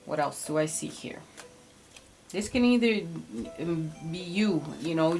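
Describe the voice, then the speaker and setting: A woman reading tarot cards in casual spiritual talk, thinking aloud haltingly and advising bluntly. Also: low voice, creaky. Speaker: tarot card reader.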